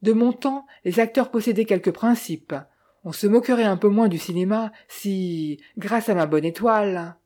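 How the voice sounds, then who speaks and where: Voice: medium pitch, moderate pace, warm tone, lightly acted. A narrator reading the lines of a proud aging stage actress who boasts about her glory days in a storybook reading. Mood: reminiscing. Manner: boastful, genteel.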